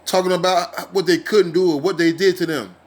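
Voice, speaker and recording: A man's voice: sits high, fairly even intonation, a little fast. Man preaching scripture, cursing, calling everyone man. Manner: reads verses, then rants with profanity and many fillers; ends phrases with "man". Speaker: street preacher. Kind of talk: informal scripture teaching.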